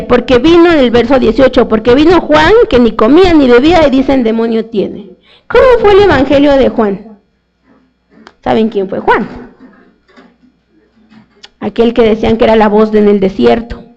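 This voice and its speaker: A woman's voice: high-pitched, vocal fry, a little mellow, lo-fi sound. A woman preaching a sermon, acting out the voices of complaining young people. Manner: acts out quoted voices of complaining youths.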